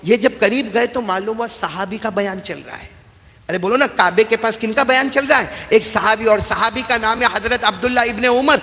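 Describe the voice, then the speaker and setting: A high-pitched male preacher with a gravelly edge, his voice tense and forceful. He exhorts the congregation, pulls call-and-response from them, and climbs into shouts. Long reverb rings around him in a mosque hall. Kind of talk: sermon.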